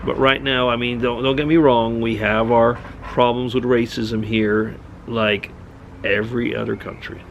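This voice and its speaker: Middle-aged man from Switzerland, casual rambling vlog monologue, gravelly voice, faint hiss behind. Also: medium pitch, little pitch movement, a little slow. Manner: rambling, musing, many restarts. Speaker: vlogger.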